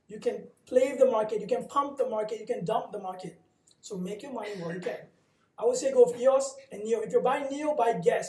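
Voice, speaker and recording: A man's voice: high voice, mellow. Singapore guy on a panel, punchy and sure of himself, echoey room far from the mic. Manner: emphatic, confident, punchy. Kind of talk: live panel talk. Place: coworking space event room.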